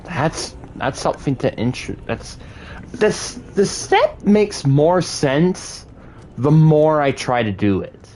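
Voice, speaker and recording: A man giving casual gameplay commentary, thinking aloud in a halting, puzzled way. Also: fairly high pitch, very animated, a little mellow, a little hiss or hum. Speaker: gaming streamer.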